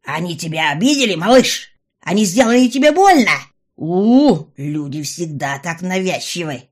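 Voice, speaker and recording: Storybook goblin mom, huge and hot-tempered, read by a woman, loud and slow, barking demands. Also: on the low side, animated. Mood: indignant. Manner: yelling, drawn-out demands. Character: fat furious female goblin mother. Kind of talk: audiobook character voice.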